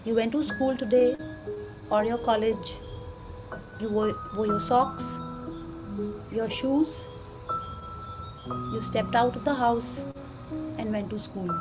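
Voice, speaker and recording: A woman with an Indian accent leading a guided relaxation in a slow, gentle, soothing manner. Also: on the high side, steady tone, over loud music. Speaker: instructor leading a gratitude and breathing class.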